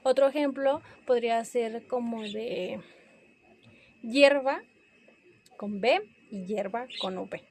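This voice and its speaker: A young woman works through a class review at an unhurried, deliberate pace. Her voice sits a little high, and she often stops to hesitate and correct herself mid-sentence. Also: a little mellow. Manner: hesitant, self-correcting, slow and careful.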